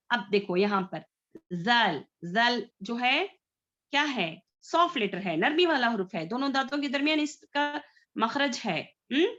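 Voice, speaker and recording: Slow-spoken woman teaching recitation. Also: on the high side, a bit bright, lo-fi sound. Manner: patient, drawn-out demonstrations of letter sounds; frequent checks for understanding. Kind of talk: online Tajweed class.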